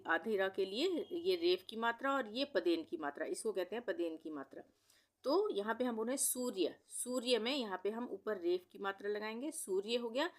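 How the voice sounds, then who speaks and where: A woman teaching Hindi spelling as a voice-over, who says each word slowly and then repeats it several times. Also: mid-range voice. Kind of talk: spelling lesson.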